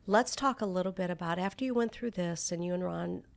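A woman hosts a ministry talk show and interviews her guest. Her voice is fairly low and carries a gravelly fry. She fills the pauses with steady murmurs of agreement. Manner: warmly affirming, frequent murmured agreement.

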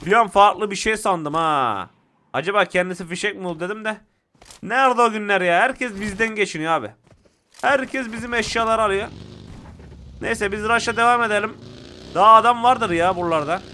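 A young man giving excitable, casual commentary to viewers while playing a mobile shooter game. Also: sits high, normal speed, slight background noise.

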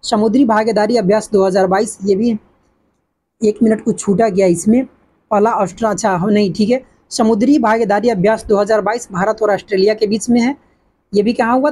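A woman's voice: mid-range voice, mellow, breathy edge. A woman teaching an exam-prep lesson, asking questions and answering them herself. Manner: repetitive, asks and answers her own questions.

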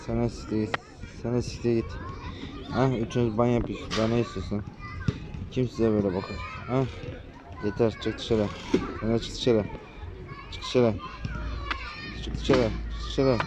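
A young man giving casual gameplay commentary as a gaming YouTuber, talking in a rough, slangy and bossy way to the characters on screen. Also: medium pitch, fairly even intonation, normal speed, long pauses, noisy background.

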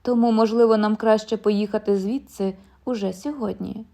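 A woman's voice: medium pitch, steady tone, normal speed, creaky, mellow. A woman reading an anxious, urgent wife. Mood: eager. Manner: urgent, pleading. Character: anxious wife, eager to leave the beach.

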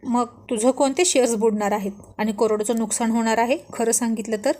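A woman's voice: fairly high pitch, steady tone, a little fast, darkish tone, close to an everyday voice. A woman voicing a playful, stubborn young husband who teases his wife in a laid-back tone. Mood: teasing. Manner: laid-back and teasing, mixes in English words.

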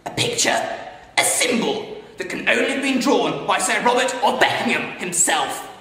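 A man's voice: high-pitched, very animated, normal speed, sharp tone, soft background music, full character voice. A man playing a gushing history presenter in an echoey room. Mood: enthusiastic. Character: excitable male history documentary presenter. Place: school toilets, indoors. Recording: echoey tiled room from far off.

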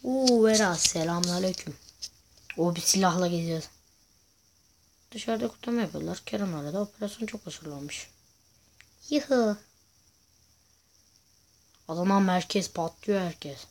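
A man's voice: high-pitched, fairly quick, creaky. A man giving casual gameplay commentary to viewers, chatty and full of crude jokes. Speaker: gaming YouTuber host.

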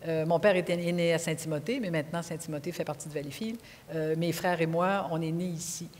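Her low, slightly mellow voice steady and fairly quick, a Quebec-accented woman in her sixties, a retired judge, speaks spontaneously as a panelist on an auditorium stage. The sound echoes through the hall amid background noise.

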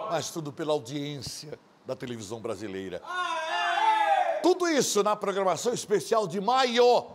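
A man's voice: a little high, heavy background noise. Brash mocking male TV host. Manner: loud, mocking, sometimes shouting; acts out quoted voices. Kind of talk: brash TV studio commentary.

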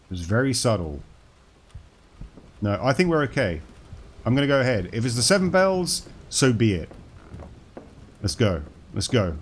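A man's voice: medium pitch, sing-song, moderate pace, pauses often, a little hiss or hum. A man casually commenting on a horror game as he plays, joking and talking to the game's characters. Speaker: gaming channel host.

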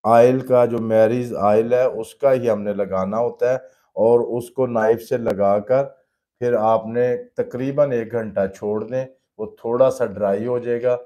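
A man's voice: mid-range voice, fairly even intonation, unhurried, mellow. A man teaching a live painting class, patiently explaining each step in plain everyday words and calling students "beta". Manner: addresses students fatherly as "beta". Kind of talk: live painting demonstration lesson.

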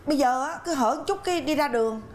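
An actress playing an excitable, scolding mother of grown daughters, in a family sitcom. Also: high voice, fast, lightly acted. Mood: soothing, lecturing. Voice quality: scolding, exclamatory, laughing through lines. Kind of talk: sitcom acting.

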